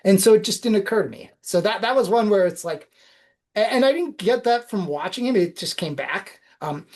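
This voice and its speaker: A woman's voice: medium pitch, lively intonation, moderate pace, darkish tone. A woman guest on a podcast, telling reflective anecdotes in a casual interview.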